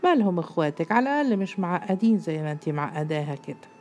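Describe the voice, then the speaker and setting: Woman doing a cross egyptian guy of 38, sharp and scolding, low gravelly voice, some faint music behind. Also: fast. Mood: angry. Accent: Egyptian Arabic. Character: man of 38, pushy, angry suitor.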